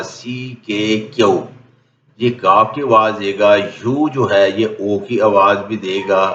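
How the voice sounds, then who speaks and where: Lowish guy teaching a lesson, native urdu speaker, steady and step by step, echoey room, kinda dull lo-fi audio. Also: a little hiss or hum. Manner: plain, methodical, steady. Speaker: English teacher. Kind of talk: explaining lesson.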